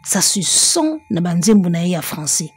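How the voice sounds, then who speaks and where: With a lowish, slightly rough voice that swings widely in pitch, a woman talks about music at a normal pace. She's chatty and emphatic, switches between French and Lingala, and bursts into song now and then. The recording has no echo.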